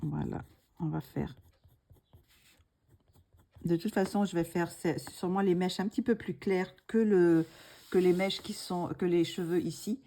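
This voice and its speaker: Narrating a coloring tutorial, this middle-aged woman is soft-spoken and unhurried, thinking aloud and often whispering. Her pitch sits on the low side, and her intonation stays fairly even.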